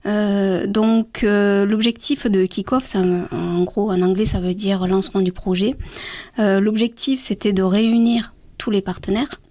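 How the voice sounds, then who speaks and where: A woman explaining things in a radio interview, halting often as she searches for words. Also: medium pitch, steady tone, a little mellow, dry recording.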